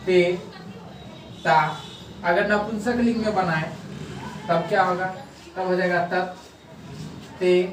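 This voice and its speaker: A man's voice: sits high, background noise. A man teaching a grammar lesson who drills the class, repeating terms and asking then answering his own questions. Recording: echoey room, mic at a distance.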